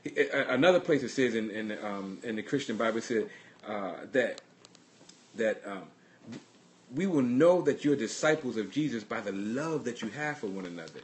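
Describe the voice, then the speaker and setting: A man's voice: mid-range voice, lively intonation. A man pastor giving a livestreamed sermon, earnestly telling personal stories and often restarting his sentences. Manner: halting, restarts and repeats words; earnest storytelling.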